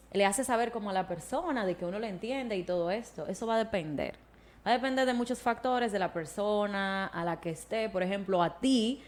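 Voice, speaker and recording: A woman's voice: medium pitch, a little mellow. A woman psychologist, explaining emotions in a casual podcast conversation. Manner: explanatory, slips into acted quotes. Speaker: psychologist guest.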